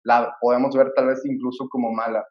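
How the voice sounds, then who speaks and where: A man's voice: mid-range voice, little pitch movement, brisk. Male podcast host, earnest, roomy lo-fi recording. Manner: earnest and admiring, reads introductions. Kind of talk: podcast interview hosting.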